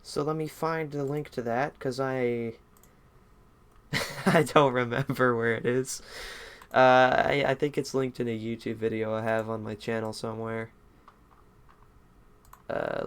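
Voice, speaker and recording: A man's voice: medium pitch, level tone, a little slow, long pauses, smooth. A young man streaming a game, chatting casually in a rambling, self-deprecating way.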